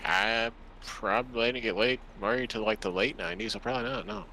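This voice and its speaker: A man's voice: mid-range voice, wildly swooping pitch, brisk, vocal fry, pushed and bright, poor audio. A man in his twenties chatting on a gaming livestream, easily flustered and self-deprecating. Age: 20s. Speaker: co-player on stream. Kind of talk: casual gaming livestream chat. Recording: game vehicle engine noise behind.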